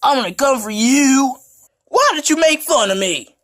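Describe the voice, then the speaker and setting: A woman voicing a hot-tempered, bossy character who taunts and shouts, in a homemade toy play. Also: high voice, animated, normal speed, voice pushed up. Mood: threatening.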